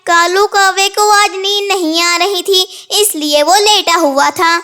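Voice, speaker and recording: A woman narrating a children's cartoon story in a measured, sing-song way. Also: very high-pitched, fairly even intonation, pushed and bright.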